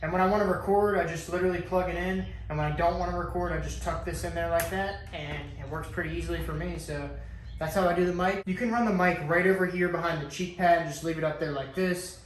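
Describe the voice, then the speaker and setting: A man's voice: sits high, fairly even intonation, quick pace, roomy sound, a little hiss or hum. A man giving a casual hands-on tutorial in a laid-back, informal way. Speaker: vlogger giving a how-to.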